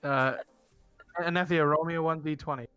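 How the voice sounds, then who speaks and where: Higher-voiced man running a tabletop game. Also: fairly even intonation, pushed and bright, smooth, no room sound. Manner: halting, informal, swears casually. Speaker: game master. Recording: music behind the voice. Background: music.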